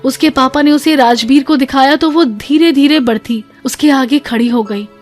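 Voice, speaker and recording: A woman narrating a family drama in Hindi as a storyteller, steady and emotive. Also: high voice, moderate pace, soft background music. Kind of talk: scripted narration.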